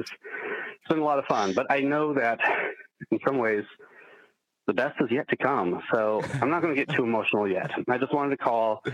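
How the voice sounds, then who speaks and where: A man's voice: medium pitch, fairly bright tone, no room sound. A man leaving a casual voice message for a podcast as a fellow podcaster. He is easygoing and chatty, rambling a little with fillers and small chuckles. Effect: played-back voice message. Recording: dull lo-fi voicemail playback.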